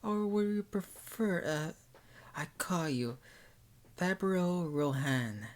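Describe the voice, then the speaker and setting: A man voicing a calm, regal female vampire princess who speaks in a poised, teasing way, while reading a visual novel aloud. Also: a little high, slow pace, voice pushed up.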